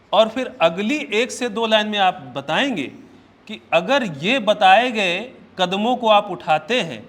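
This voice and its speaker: A man's voice: high voice, fairly bright tone. A male coaching teacher, giving a classroom lecture, laying out points one by one and asking "right?" often. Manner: checks in often with "right?" and "okay?"; explains step by step, counting points aloud.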